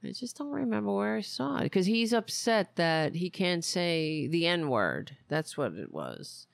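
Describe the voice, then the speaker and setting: Creaky and mid-range, the voice swings widely in pitch as a talk show host delivers loose, rambling political commentary. He is self-mocking, wry, and exasperated, often stopping short and straying into tangents, and the recording has no echo.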